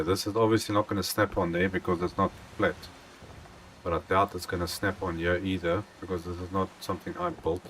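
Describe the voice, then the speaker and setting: A man thinking aloud as he streams a building game, rambling with halting restarts. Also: low-pitched, slight background noise. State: out of breath. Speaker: gaming live streamer. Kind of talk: casual live-stream commentary.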